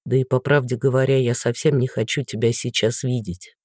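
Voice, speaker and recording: A man's voice: medium pitch, little pitch movement, fairly quick, a little mellow, no room sound, studio quality, pitched below the performer's own voice, natural voice. A man voicing a stern, weary middle-aged father who speaks in a hollow, bitter tone. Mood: grim.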